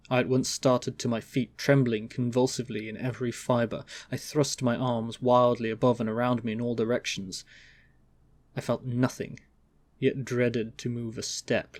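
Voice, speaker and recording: A man's voice: mid-range voice, a little mellow, no room sound. A man narrates gothic horror in a theatrical, stagey manner. His mid-range voice swells on key words and stretches out phrases for dramatic weight. The sound is very dry, with no room around it.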